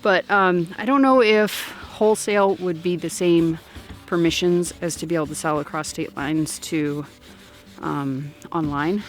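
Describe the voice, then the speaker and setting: Young woman, homestead vlogger; casual, scattered delivery, slightly winded, outdoors, low-ish voice, soft music bed. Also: unhurried. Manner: rambling, distracted, many fillers. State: slightly out of breath. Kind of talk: casual vlog talk.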